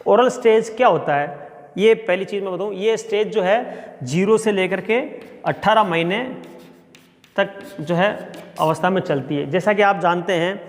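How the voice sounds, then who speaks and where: A middle-aged man with a high voice speaks at normal speed while giving a sociology lecture in class. As the professor, he explains step by step using everyday examples. The recording carries a long reverb.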